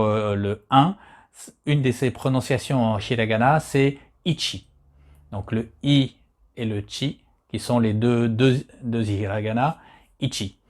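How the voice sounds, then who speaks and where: Guy teaching kanji, lots of pauses and restarts, calm and plain. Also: medium pitch. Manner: frequent hesitations and restarts, patient and plain. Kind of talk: hesitant explanatory lesson.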